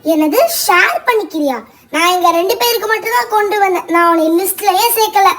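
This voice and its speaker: A woman's voice: very high-pitched, brisk, a bit bright. A woman voicing a selfish young girl in a doll-play story, snappy and defensive.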